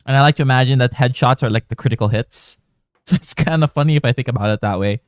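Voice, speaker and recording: A man's voice: mid-range voice, fast talker, no echo, clean studio sound. A man from the Philippines giving casual, rambling commentary while live-streaming a game. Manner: chatty, rambling, thinking aloud.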